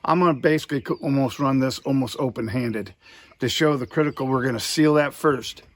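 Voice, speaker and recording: A man's voice: medium pitch, brisk. A man teaching step by step in an informal, folksy, explanatory way, like an instructor demonstrating a technique. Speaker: duck calling instructor.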